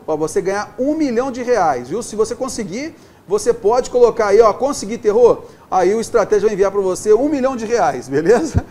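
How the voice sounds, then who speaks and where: A man's voice: high-pitched, darkish tone. A Brazilian man teaching a grammar lesson to exam students, upbeat and chatty, checking in with the viewer constantly. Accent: Brazilian Portuguese. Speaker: Portuguese teacher. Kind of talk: exam-prep video lesson.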